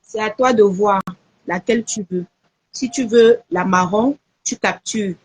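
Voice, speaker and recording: A woman's voice: mid-range voice, unhurried, husky. A woman chatting casually on a live stream, answering viewer messages and quoting prices.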